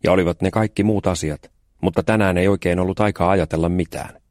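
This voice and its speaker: A man narrating a children's audiobook in a calm, even storytelling voice with deadpan timing. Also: low voice, dry recording, clean studio sound. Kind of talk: scripted narration.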